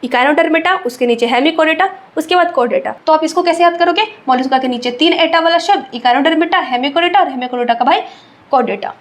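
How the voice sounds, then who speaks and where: High-voiced woman teaching a biology lesson. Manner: repeats key terms slowly, checking in with "ठीक है?". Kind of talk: exam-prep biology lecture.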